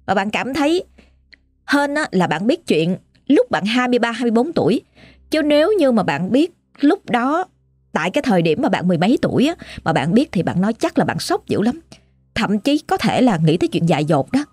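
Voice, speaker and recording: Lively Southern Vietnamese woman storyteller. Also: a little high, a little fast, slightly rough, dry recording. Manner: chatty, dramatic, addresses listener as "you". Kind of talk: ghost story narration.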